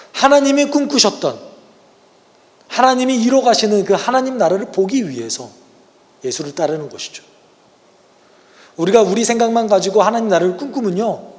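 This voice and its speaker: A male pastor preaching a sermon and leading prayer, earnest, moving between hushed and raised passages. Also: sits high. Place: church sanctuary. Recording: long church-hall reverb with soft instrumental music.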